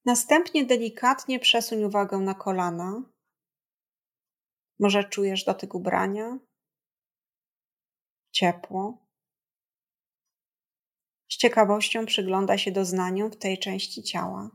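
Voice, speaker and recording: Slow, gentle woman guiding a meditation. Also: mid-range voice, gravelly. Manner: gentle, calm, soothing, measured delivery with long pauses. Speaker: meditation guide. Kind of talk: guided body scan meditation narration.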